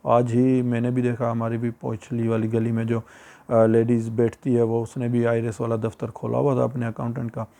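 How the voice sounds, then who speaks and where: Pakistani Urdu-accented male vlogger, gravelly and flat, chatty and advising, repeats points. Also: mid-range voice, normal speed. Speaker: YouTuber giving immigration advice. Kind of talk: casual advice vlog.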